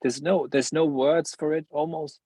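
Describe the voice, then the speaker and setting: Man, philosopher guest, husky voice, dry close sound, halting restarts. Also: on the high side, steady tone, mellow, no echo, poor audio. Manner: searching, halting phrasing with many restarts and laughs. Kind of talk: reflective interview conversation.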